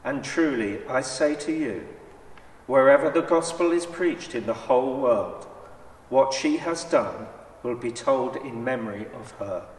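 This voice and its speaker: A man playing Jesus as a solemn, measured, authoritative teacher in a dramatised church scripture reading. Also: medium pitch, expressive, natural voice. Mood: reproving. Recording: echoey church hall, far from mic.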